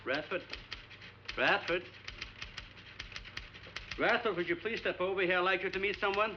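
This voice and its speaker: In a 1950s film, an actor plays an older scientist hosting guests on an island, explaining things formally and earnestly. His mid-range voice is sing-song yet natural, at a moderate pace, on a dull old soundtrack with faint music.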